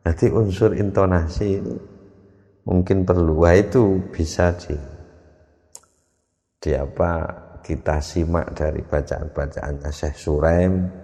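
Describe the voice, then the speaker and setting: A man with a Javanese accent teaches a relaxed religious lesson, musing aloud as he goes. His voice sits extremely low and has a gravelly edge. The sound carries a long, lingering reverb. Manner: thinking aloud, slipping into Javanese.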